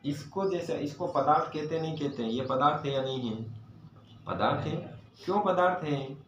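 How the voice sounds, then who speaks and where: A man lectures on Sanskrit grammar in a classroom, his voice a little higher than most men's. He explains patiently, puts questions to his students and recites verses slowly. The recording is muffled and lo-fi, with the room's echo clearly audible. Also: a little hiss or hum. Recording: echoey, dull lo-fi room recording.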